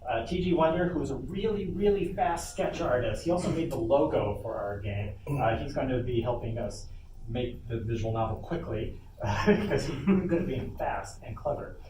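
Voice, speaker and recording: A man with a medium-pitched, animated voice speaks at normal speed as a panel presenter and lead game developer. His informal convention workshop talk is improvised and full of asides, captured in an echoey indoor room by a distant mic amid loud background noise.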